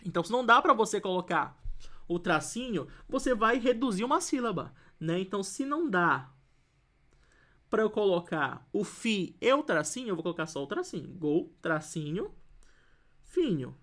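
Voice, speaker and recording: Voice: medium pitch, very animated, moderate pace, fairly bright tone. A teacher with a Brazilian accent, giving an online lesson and explaining while writing. Patient, repeats each example and keeps checking that students follow. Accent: Brazilian Portuguese.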